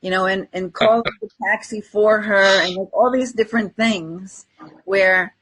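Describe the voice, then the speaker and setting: Unhurried and fairly even in intonation, this woman co-hosts a podcast in a husky, low-clarity voice that's a bit bright. Her casual, earnest, unscripted-sounding talk keeps checking for the listener's agreement, over poor audio.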